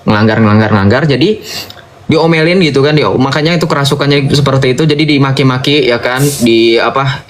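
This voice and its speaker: A young man, giving an emphatic personal conversion testimony. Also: medium pitch. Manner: informal, emphatic, addresses listeners as brothers and sisters.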